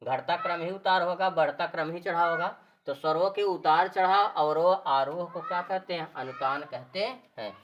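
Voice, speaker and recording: A woman with a notably low voice teaches a grammar lesson in a classroom style. She repeats each term several times, poses questions to her students and then answers them herself. A faint hum of noise sits behind her. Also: normal speed, lo-fi sound.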